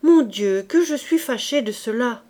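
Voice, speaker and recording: A woman's voice: on the high side, animated, unhurried, mellow. A woman reading aloud, voicing an anxious, emotional princess with a raised, pleading delivery. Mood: alarmed. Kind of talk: audiobook reading.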